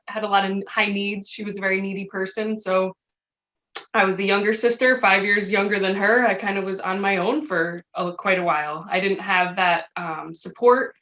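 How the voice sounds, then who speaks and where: A woman's voice: mid-range voice, a bit bright. Reflective woman from New Jersey. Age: adult. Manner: reflective, many ums. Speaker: guest. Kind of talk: personal story interview.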